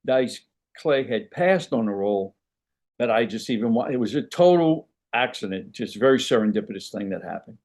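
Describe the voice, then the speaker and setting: A man's voice: mid-range voice, animated, moderate pace, darkish tone. An older man, an actor guest on an interview, telling stories in an easygoing, rambling way with frequent "you know"s. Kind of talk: casual interview chat.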